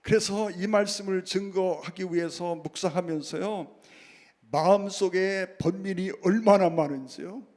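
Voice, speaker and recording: A man's voice: high-pitched, a little slow, darkish tone. Preaching man, echoing church hall. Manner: addresses the congregation often, asks and answers his own questions. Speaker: pastor. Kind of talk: sermon. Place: church sanctuary.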